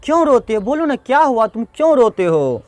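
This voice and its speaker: A male teacher acting out an angry village father who shouts and demands answers. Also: very high voice, very animated, brisk, no room sound, voice pushed up. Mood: demanding. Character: angry village father scolding his son.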